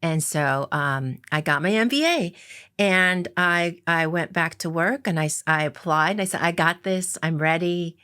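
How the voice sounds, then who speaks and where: A woman's voice: fairly low pitch, expressive, normal speed, sharp tone, smooth. A middle-aged woman from Idaho, an interview guest telling her story in an earnest, reflective way with many filler ums. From Coeur d'Alene reservation, Idaho, US. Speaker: interview guest, casino executive.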